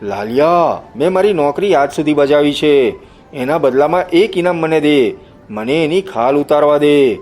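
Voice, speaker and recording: A bitter, treacherous village tracker, put on by a male storyteller spits out his accusations in a raised, stinging voice. Soft music runs quietly behind this audiobook scene. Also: fairly high pitch, lively intonation, moderate pace, natural voice. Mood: bitter, vengeful.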